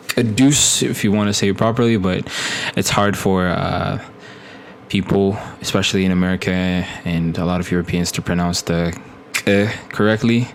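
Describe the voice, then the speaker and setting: A man's voice: on the low side, a little hiss or hum. A young man from Ethiopia chatting casually on a live stream, rambling with many fillers and restarts.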